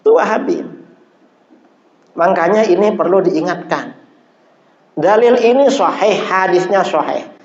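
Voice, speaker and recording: A middle-aged man preaching a sermon, telling stories and rising sharply in pitch to drive his points home. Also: unhurried, pauses often. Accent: Indonesian. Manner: animated storytelling, rising sharply for emphasis. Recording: echoey hall, dull sound.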